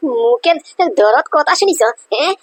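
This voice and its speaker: A woman's voice: high-pitched, animated, moderate pace, no echo. A woman playing an indignant young man who threatens his father over his share of the inheritance, in a comedy sketch. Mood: defiant. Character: defiant rebellious grown son, young man.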